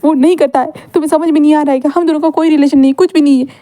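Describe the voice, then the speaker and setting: A woman's voice: sits high, fast, dark tone, voice pushed up. A woman voicing a kidnapped young man who wails and sobs, repeating his words. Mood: sobbing. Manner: tearful, wailing, repeats words.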